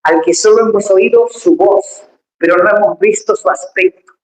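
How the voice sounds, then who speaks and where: A pastor preaching a lively, emphatic sermon, speaking straight to the congregation in a church. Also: mid-range voice, moderate pace. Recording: echoey church hall.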